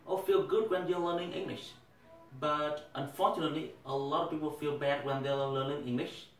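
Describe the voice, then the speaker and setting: A young male English teacher with a Vietnamese accent speaks earnestly and deliberately, sometimes restarting, like someone giving a prepared first speech. His voice is slightly high for a man. The recording was made at a distance in an echoey room, with a faint hiss underneath.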